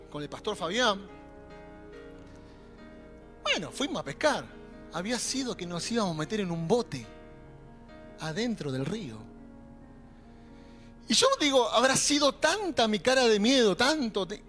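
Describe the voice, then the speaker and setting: A young adult man preaching a sermon in a Rioplatense accent, animated and calling out to the congregation. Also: high voice, moderate pace, long pauses. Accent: Rioplatense Spanish. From Argentina. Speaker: pastor. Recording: faint music behind.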